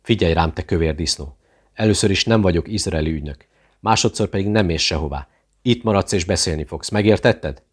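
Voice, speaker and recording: A man's voice: sits low, slightly rough. A man voicing a menacing interrogator who hisses threats at a captive in an audiobook.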